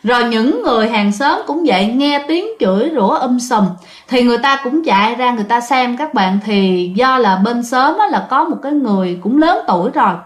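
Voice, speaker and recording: A woman's voice: fairly high pitch, expressive, fairly quick. Chatty woman telling ghost stories. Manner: chatty, addresses listeners often, many fillers. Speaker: storyteller. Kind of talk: casual ghost-story narration. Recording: echoey room.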